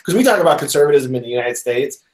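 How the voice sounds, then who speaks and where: A man's voice: medium pitch, expressive, rapid-fire, darkish tone, poor audio. A man hosting a casual podcast, teasing his guest and laughing often. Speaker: podcast host. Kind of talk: casual joking podcast chat.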